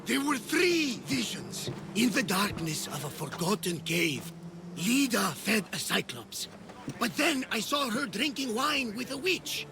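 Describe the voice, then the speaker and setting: An actor playing a delirious, devoted old Greek sailor in a video game, telling of visions with dreamy drama. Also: male voice, high voice, big pitch swings, unhurried, background noise, exaggerated voice. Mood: wistful, earnest. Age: older.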